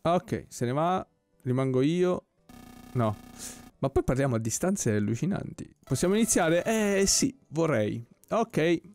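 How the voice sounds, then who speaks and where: A man giving casual let's-play commentary, relaxed and puzzled, with joking asides about what happens on screen. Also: a little high, unhurried, dry recording. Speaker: gameplay commentator. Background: soft game music.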